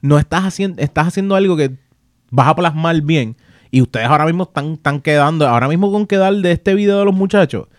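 A young man hosts a podcast in loose, animated chat. He tells stories in slangy speech and swears freely. His voice sits a little high and sounds close and dry. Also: brisk, no room sound. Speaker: podcast host. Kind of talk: casual chat.

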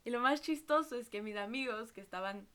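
Animated young woman telling a story. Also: a little high, brisk, smooth. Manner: animated, laughs often, mixes in English slang. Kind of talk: casual storytelling chat.

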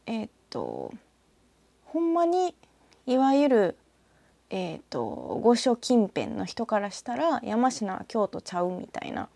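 Soft-spoken woman with a Kansai accent, creaky and mellow. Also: fairly high pitch, dry recording. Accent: Kansai, northern Osaka. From northern Osaka, Japan. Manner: rambling and reflective, with soft trailing asides. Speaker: podcaster. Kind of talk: casual solo talk with a short reading.

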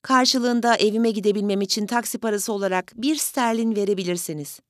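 A woman voicing a small, polite elderly gentleman who pleads with fussy, over-courteous manners in an audiobook story. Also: medium pitch, a little fast, no room sound, studio quality, natural voice. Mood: courteous pleading.

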